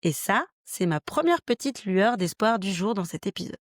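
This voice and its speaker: A woman talks through a solo health podcast. She lays out practical tips one by one, frank and clear, at a middle pitch. The recording is dry and close, with no room sound. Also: sing-song, normal speed, no echo. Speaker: podcast host, health worker. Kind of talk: solo podcast talk, lightly scripted.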